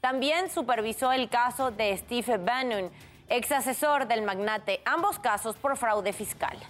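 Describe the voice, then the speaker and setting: A woman's voice: on the high side, unhurried, soft background music. A woman presenting the news as a co-anchor. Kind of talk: news reading with some casual banter.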